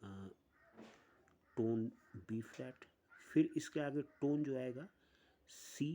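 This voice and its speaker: A man teaching an online music lesson, explaining step by step with pauses. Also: mid-range voice, warm tone.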